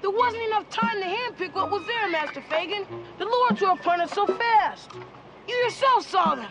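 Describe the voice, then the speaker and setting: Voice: very high-pitched, animated, moderate pace. A young performer playing a pleading, respectful scavenger boy in a 1970s TV adventure drama. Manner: pleading, plaintive. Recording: loud music under dated TV soundtrack.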